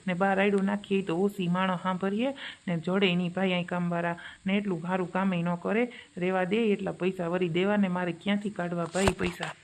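A woman playing a weary, gravelly village brother. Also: medium pitch, level tone, brisk, close to an everyday voice, low-quality recording. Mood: dismissive. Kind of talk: village comedy skit.

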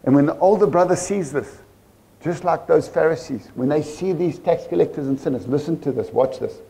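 A man with a South African accent preaching a sermon in church, animated and full of rhetorical questions to the congregation. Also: a little high, a little fast, gravelly, breathy edge. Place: church service.

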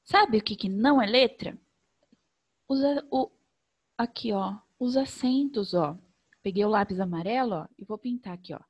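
A Brazilian woman teaching young children remotely, sing-song and slow, stretching out sounds so they can follow. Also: mid-range voice, slightly rough, muffled recording. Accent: Brazilian Portuguese. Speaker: primary school teacher.

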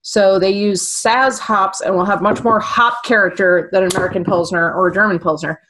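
A woman's voice: mid-range voice, fairly even intonation, normal speed, fairly bright tone, rough recording. A woman co-hosting a casual beer review, chatty and giggly, reading facts aloud between sips. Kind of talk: casual chat.

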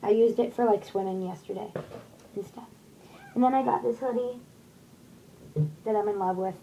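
A woman's voice: medium pitch, fairly even intonation, normal speed, gravelly, dark tone, a little hiss or hum, poor audio. Chatty young woman in a bedroom haul video. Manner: chatty, rambling, lots of fillers. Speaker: vlogger showing a shopping haul. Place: small bedroom with posters, indoors. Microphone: webcam on desk at close range.

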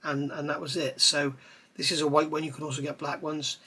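A middle-aged man gives a hands-on model-building tutorial at an indoor hobby workbench, recorded by an overhead camera. His slightly high voice is brisk with a breathy edge. He stays relaxed and drifts into chatty, rambling asides while working with his hands.

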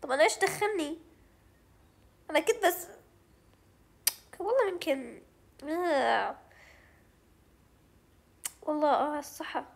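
Young woman, Levantine Arabic accent, high bright voice, let's-play chatter, squeals and thinks aloud. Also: measured pace, vocal fry, long pauses. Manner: chatty, thinks aloud, reacts with squeals and gasps, drops in English words. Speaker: gaming channel host.

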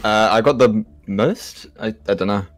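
A man's voice: fairly low pitch, normal speed, soft background music. A young man in casual, slangy gaming banter, teasing his friends.

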